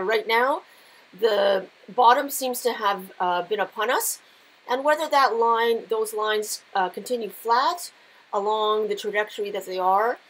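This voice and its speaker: A middle-aged Canadian woman, a lumber market analyst and host, gives informal market commentary in a conversational, explanatory way. Her medium-pitched voice has a breathy edge, the recording is rough, and she's in a small indoor office lined with shelves of files.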